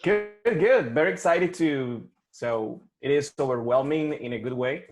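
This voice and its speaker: Man in his forties, Colombian Spanish accent, halting, lots of restarts, coaching client on a video call. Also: medium pitch, lively intonation. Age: 40s. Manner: halting, many restarts and repeated words. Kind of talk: one-on-one coaching session over video call.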